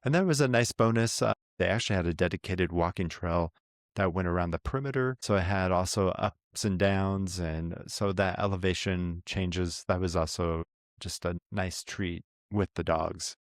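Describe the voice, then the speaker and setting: Easygoing low-voiced man co-hosting a vlog. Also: normal speed, no room sound, studio quality. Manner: easygoing, thoughtful, explains at length. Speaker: co-host of an RV travel vlog. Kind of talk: casual chat.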